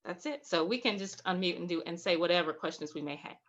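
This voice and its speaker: A woman from Alabama in the US South leads a guided online writing workshop over a video call, encouraging participants, repeating phrases and laughing often. Her voice is fairly low, a bit bright, and quick, and the audio is dull.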